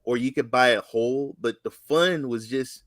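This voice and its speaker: A man co-hosting a casual chat, telling nostalgic stories with excited exclamations. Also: mid-range voice, normal speed. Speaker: co-host.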